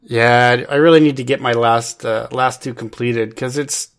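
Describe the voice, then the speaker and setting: A man's voice: mid-range voice, fairly even intonation, moderate pace, clean tone. A man co-hosting a casual gaming podcast, easygoing, often repeating words as he thinks. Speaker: podcast co-host.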